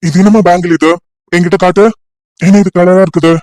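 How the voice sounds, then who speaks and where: A woman voicing a gentle middle-aged father in a cartoon story, coaxing and reassuring in a calm, steady way. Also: fairly low pitch, fast talker, no room sound, voice pushed down, close to an everyday voice. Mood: puzzled. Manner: coaxing, reassuring, mixes English into Tamil.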